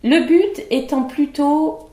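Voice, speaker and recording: Slow, calm woman teaching drama. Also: sits high, reverberant. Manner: calm, instructive, over-articulated diction drills. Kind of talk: online acting lesson.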